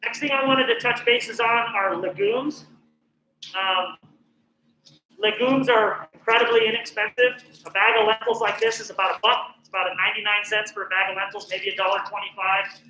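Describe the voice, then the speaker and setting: A middle-aged man from northern New Mexico teaches a cooking class in a chatty, encouraging way, often pausing on "um." His voice sits high and sounds bright. The recording has a noticeable echo and a faint hiss underneath. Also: steady tone. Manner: chatty, encouraging, frequent "um" fillers. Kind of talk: casual cooking presentation.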